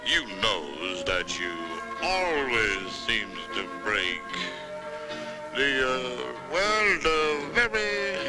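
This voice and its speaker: A man's voice: lowish voice, heavily acted, rough recording. A man doing a folksy sweet-talking old advisor. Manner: drawn-out, coaxing spoken interlude over music. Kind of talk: spoken recitation within a stage song.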